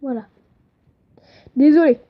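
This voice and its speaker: A woman's voice: high voice, slow pace. A young woman giving a casual home-made language lesson, chatty and hesitant, often correcting herself. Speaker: channel host teaching an invented language. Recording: dull lo-fi home recording.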